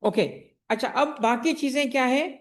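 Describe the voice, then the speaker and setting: A man's voice: very high-pitched, normal speed. A man teaching an exam-prep tax class that is also streamed online. He fires questions at his students, answers them himself, calls them fondly, and repeats the key points.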